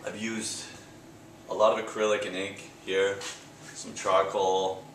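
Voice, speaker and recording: A young man from Canada talking casually about his paintings at his gallery show, relaxed and rambling, with fillers and restarts. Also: lowish voice, a little slow, slight background noise. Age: young adult. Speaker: painter interviewed at his exhibit. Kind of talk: casual interview answers. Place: art gallery indoors. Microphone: handheld camera close by. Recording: echoey gallery room.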